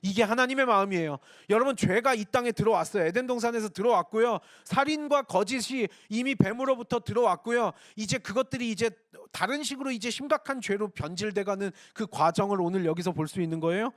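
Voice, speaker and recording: Pastor, male, high-pitched, earnest sermon delivery with bits of acted dialogue, dry close sound. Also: fast talker, few pauses, a bit bright, no room sound. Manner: earnest, addresses congregation repeatedly, acts out dialogue. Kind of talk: Sunday sermon.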